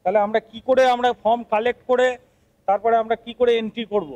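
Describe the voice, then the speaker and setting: A man's voice: very high-pitched, fairly even intonation, fast, darkish tone. A man with a West Bengal Bengali accent making an aggrieved, pleading complaint to the press. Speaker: booth-level election worker. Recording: clear background noise, on-site ambience.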